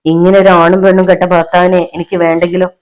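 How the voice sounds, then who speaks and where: A woman voicing a defiant young wife and mother in a storybook reading, speaking in a sharp, cutting way. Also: lowish voice, flat delivery, fast talker, clear, resonant tone, lightly acted, poor audio.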